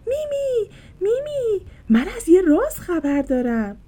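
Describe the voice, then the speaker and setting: A woman voicing an excited, curious little girl in a storybook, high and eager.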